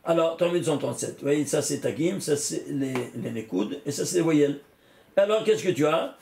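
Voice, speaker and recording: Rabbi teaching in an echoey room. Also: male voice, on the high side, animated, brisk, vocal fry, a little mellow. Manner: repeats phrases, asks and answers his own questions. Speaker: rabbi teaching a Torah class. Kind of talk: Kabbalah lesson with numerology. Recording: echoey room with faint ambient noise.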